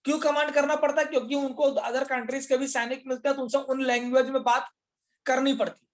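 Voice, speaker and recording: Male trainer, high voice, lecture delivery that asks and answers its own questions. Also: level tone, fairly quick. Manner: explains step by step, repeats phrases, mixes Hindi with English words. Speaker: leadership trainer. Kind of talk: motivational class lecture.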